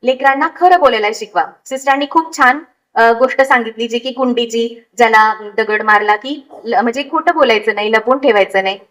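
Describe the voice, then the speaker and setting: High-voiced woman giving parenting advice. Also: a little fast, fairly bright tone, poor audio. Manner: instructive, with a frequent "thik aahe" and rhetorical questions. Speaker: parenting counsellor.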